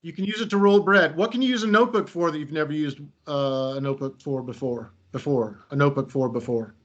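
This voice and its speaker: Over slightly dull video-call audio, a middle-aged creativity trainer from the United States facilitates a workshop online. His voice is a little high and a bit bright, and he speaks fast, chattily poking fun at himself with frequent fillers and false starts.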